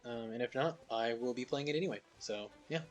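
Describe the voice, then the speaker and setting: A man's voice: mid-range voice, a little fast. A man giving casual, slangy commentary on a video game, addressing his viewers.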